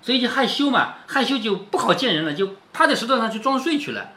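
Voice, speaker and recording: A middle-aged man telling a story to his child, his voice bright and full of rises and falls. He retells the tale in everyday words, playful, and keeps checking in with "isn't it?". It sounds like a casual read-aloud with running commentary. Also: very high-pitched, very animated, fast. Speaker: father reading a classic novel aloud to his daughter.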